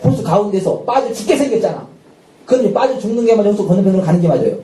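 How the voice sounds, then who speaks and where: A male pastor preaching a sermon with lively energy, often shouting out dramatic lines and laughing. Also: high voice, rapid-fire. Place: church sanctuary at a Friday night service. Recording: echoey church hall, distant mic, faint noise.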